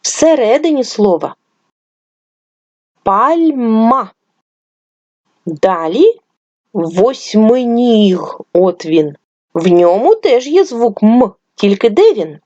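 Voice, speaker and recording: A woman teacher giving a reading lesson to young children, slowly sounding out words sound by sound. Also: fairly high pitch, sing-song, warm tone, no room sound, dull audio. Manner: slow, drawn-out sound-by-sound enunciation. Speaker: primary school teacher.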